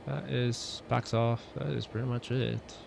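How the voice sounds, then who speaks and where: A man's voice: medium pitch, level tone, a little slow, vocal fry. A man giving casual step-by-step cockpit commentary and radio calls as a flight simulator pilot. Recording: loud vehicle-like engine noise.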